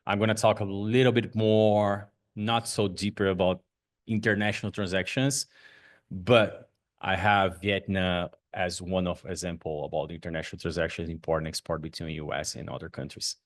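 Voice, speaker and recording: A man from Brazil with a Brazilian Portuguese accent, Portuguese his first language, giving an animated conference talk with non-native phrasing. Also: low voice, normal speed. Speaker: guest speaker.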